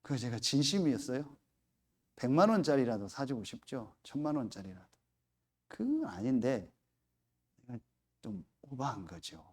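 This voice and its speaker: A man's voice: mid-range voice, big pitch swings, normal speed, long pauses. A middle-aged man preaching a sermon as pastor, telling a family story and acting out his own angry outbursts.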